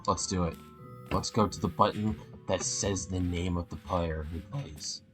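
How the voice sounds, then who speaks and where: A man giving casual, excitable and playful commentary while playing a video game. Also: deep voice, a little slow, over music. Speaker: YouTuber.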